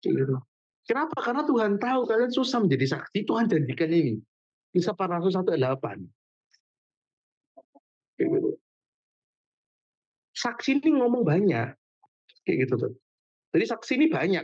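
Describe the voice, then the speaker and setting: A young man, leading a casual Bible study for a youth group, chatty and animated, with slangy asides as he tells stories. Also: sits high, slightly rough. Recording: dull lo-fi recording.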